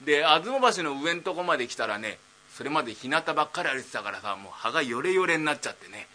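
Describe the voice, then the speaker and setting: A man voicing a dim-witted idle young man nearly thirty, rambling slowly in rakugo storytelling. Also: a little high, very animated, pushed and bright.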